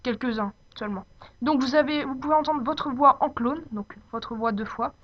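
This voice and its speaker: A woman with a fairly high voice presents a casual software tutorial. She talks off the cuff and often hesitates to find the next word. The sound is dull and lo-fi, like a cheap home microphone. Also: normal speed. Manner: hesitant, searching for words. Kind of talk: informal unscripted software tutorial.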